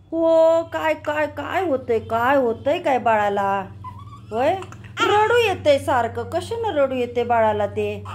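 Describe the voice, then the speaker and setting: A woman soothing a baby, talking in a coaxing, cooing sing-song with many repeated calls and soft endearments. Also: high voice. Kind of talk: baby talk.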